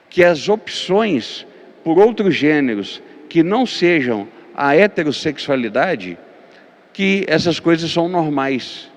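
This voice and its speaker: A Brazilian pastor with a Minas Gerais accent gives a lecture-style teaching in Portuguese, his voice on the high side with a long reverb tail. He hesitates with fillers and repeated words, then drives his points home with emphatic lists.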